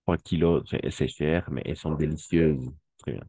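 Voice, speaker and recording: A man's voice: extremely low pitch, steady tone, moderate pace, gravelly, dark tone, breathy edge, no echo. A man teaching a French class, patiently repeating words and correcting pronunciation, switching into Spanish to explain. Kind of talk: language class instruction.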